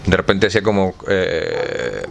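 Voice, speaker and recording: A Mexican man with a deep, low voice hosts a book club video. He talks in a loose, slangy, irreverent way. There is a faint hum behind him. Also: sing-song, a little slow, creaky. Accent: Mexican Spanish. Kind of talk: casual book commentary.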